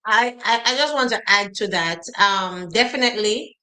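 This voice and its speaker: A woman's voice: mid-range voice, moderate pace, bright, forceful tone, low-quality recording. A woman with a Jamaican accent hosting a casual interview, friendly, putting viewers' questions to her guest with some hesitation. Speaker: host, teacher.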